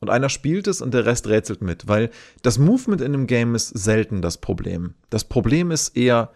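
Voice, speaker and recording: A man hosting a podcast, telling a story in a lively, relaxed, chatty way. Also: medium pitch, normal speed, creaky. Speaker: podcast host. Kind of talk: casual podcast chat.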